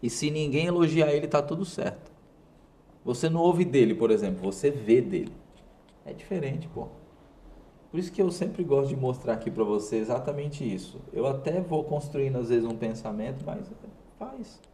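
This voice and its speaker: A man's voice: medium pitch, expressive, normal speed, dark tone, slight background noise. A man with a Brazilian Portuguese accent hosting a motivational talk, speaking straight to the viewer in punchy, repeated short phrases. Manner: emphatic, speaks directly to the viewer. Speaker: host.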